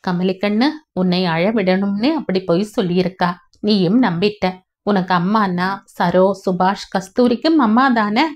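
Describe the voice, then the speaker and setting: Woman playing a gentle coaxing aunt. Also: mid-range voice, moderate pace, close to an everyday voice. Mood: reassuring. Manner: soft coaxing, affectionate baby talk. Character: gentle young aunt soothing a child.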